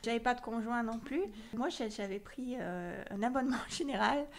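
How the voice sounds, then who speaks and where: A woman from France talks in a lively way in an interview, with plenty of hesitant fillers. Her voice is slightly high. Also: normal speed, slight background noise. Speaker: association president. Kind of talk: casual interview chat.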